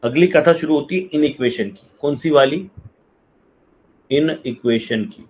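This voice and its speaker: In a classroom lecture, a male math teacher with a slight touch explains things step by step, regularly checking whether students understand. His voice is on the high side, darkish in tone and a little slow, and the recording is rough.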